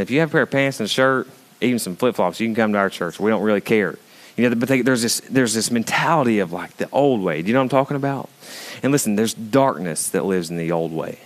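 A man preaching a sermon as pastor in a church, moving between hushed, intimate asides and rising, emphatic passages. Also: fairly low pitch.

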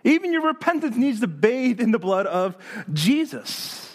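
A male pastor preaching a sermon in an animated, emphatic way, acting out the voices of the people he quotes. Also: very high-pitched, a little slow.

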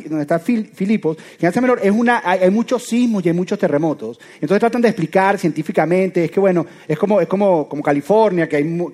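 Animated high-voiced male preacher. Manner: animated, conversational, full of rhetorical questions. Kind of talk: sermon.

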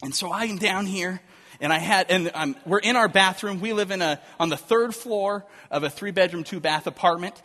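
A man in his thirties telling a personal story to an audience, animated and self-deprecating. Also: sits high, moderate pace, in a large hall.

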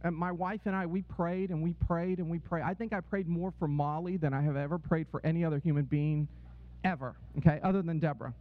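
A man's voice: on the high side, fairly even intonation, fairly quick. A man speaking to a congregation, telling a personal story and checking in with "right?" and "okay?". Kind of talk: testimony talk to a congregation. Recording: dull, echoey hall sound.

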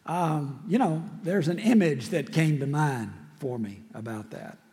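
A man with a raspy, gravelly voice preaching a sermon as a church minister, in a reflective, halting way. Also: a little high, lively intonation, mellow. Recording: long hall reverb.

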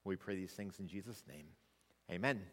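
Here a low-voiced male pastor speaks at normal speed from the pulpit mic, giving a conversational sermon full of restarts. The church sanctuary lends the recording a long, hall-like reverb.

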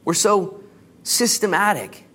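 An American man preaching an informal sermon as a pastor, exhorting in casual, slangy language and shifting between hushed and emphatic delivery. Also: sits high, expressive, slow. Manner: casual, colloquial, exhorting, with slangy asides and acted-out quotes.

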